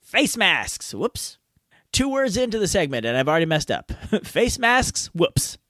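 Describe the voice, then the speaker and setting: A man's voice: sits high, very animated, measured pace, pushed and bright, a little hiss or hum. A man hosting a podcast, recording playful, self-mocking outtakes in a hot home garage. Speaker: podcast host. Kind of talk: outtakes, joking self-talk.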